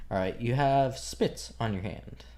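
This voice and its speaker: A man's voice: mid-range voice, unhurried, warm tone. A man narrating as game master of a tabletop game in a casual, rambling way, full of fillers.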